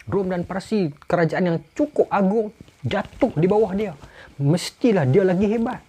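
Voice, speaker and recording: A man voicing a cunning captive nobleman, who speaks slowly and deliberately. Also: high voice, dark tone, breathy edge, pitched above the performer's own voice. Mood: awed. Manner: slow, deliberate, wheedling.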